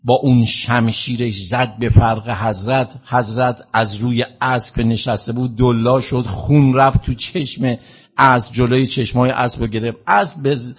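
A man as a religious eulogist, telling a mourning sermon in a lamenting, drawn-out way. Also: medium pitch, steady tone, husky. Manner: lamenting, drawn-out storytelling delivery.

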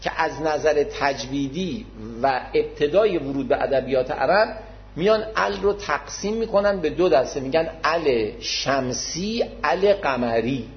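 A man giving an explanatory religious lecture, speaking patiently and formally to his listeners, repeating key words to make his point. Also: a little high. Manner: modest, addresses listeners formally. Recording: dull lo-fi recording.

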